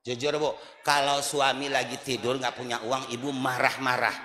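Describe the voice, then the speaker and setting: A male Islamic preacher giving a lively, joking sermon. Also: medium pitch, moderate pace. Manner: lively, joking, many voices. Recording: echoey reverberant hall.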